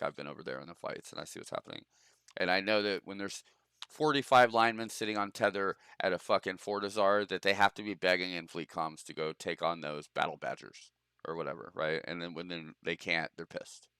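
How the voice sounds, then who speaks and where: Young male streamer, crisp bright voice, loose and profane, laughs often, dry close mic. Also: low-pitched, dry recording. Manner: loose, profane, laughs a lot, bro talk. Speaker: streamer hosting a game show. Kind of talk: casual gaming stream chat.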